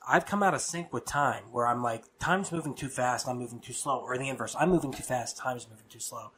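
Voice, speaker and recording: A man talking casually as a podcast co-host, rambling through stories in a loose, swearing way. His voice sits at an ordinary middle pitch. A faint noise hangs behind the recording. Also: fairly bright tone.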